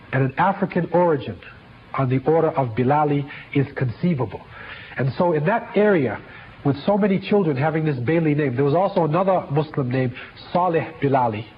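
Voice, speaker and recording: A man giving a history lecture in a measured, halting way, with many fillers and restarts. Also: fairly high pitch. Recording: dull lo-fi lecture recording with faint hiss.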